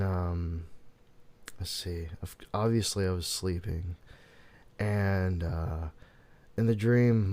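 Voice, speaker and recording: A man's voice: low voice, a little mellow. A young man hosting a casual podcast, rambling through stories with frequent laughs. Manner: rambling, laughs often, tells stories slowly. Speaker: podcast host. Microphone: headphones and desk mic.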